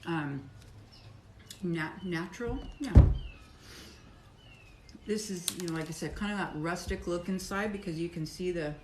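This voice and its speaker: In an echoey home soap workshop with clear background noise, a middle-aged woman streams live as she cuts soap. Her lowish voice moves at a measured pace with long pauses. She's casual and rambling, talking between bites and while she works.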